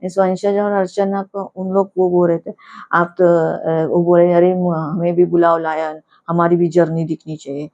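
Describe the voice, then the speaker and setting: A woman's voice: lowish voice, level tone, normal speed, a little mellow, dull audio. A woman casually recapping a reality show episode, indignant at times and retelling scenes through quoted lines.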